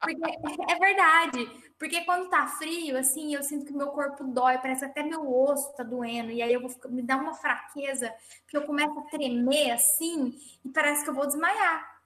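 A woman with a high, bright voice chats casually, telling stories with dramatic flair. She sounds like a teacher among friends, and her voice carries a roomy echo. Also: normal speed. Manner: animated, dramatic storytelling. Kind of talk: casual chat.

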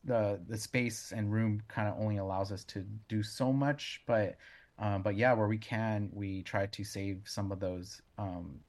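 A man being interviewed as a brewer, explaining casually in a halting way as he searches for words. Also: fairly low pitch, steady tone, darkish tone.

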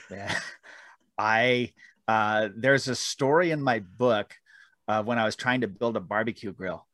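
A man's voice: on the low side, a bit bright, dry recording. A man guest telling rambling, self-deprecating stories about his book in a casual interview, with frequent restarts. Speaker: author guest.

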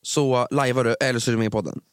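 A man's voice: medium pitch, fairly even intonation, clean tone, dry recording, studio quality, faint music behind. Teasing man bantering on a podcast. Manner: teasing, joking banter with slang. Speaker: podcast co-host. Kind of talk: casual podcast chat.

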